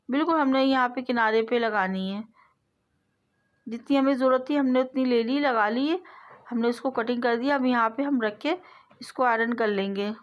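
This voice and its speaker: Patient woman explaining sewing steps. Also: on the high side. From South Asia. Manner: patient step-by-step explaining, repeats phrases. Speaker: sewing tutorial host. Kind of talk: instructional voice-over.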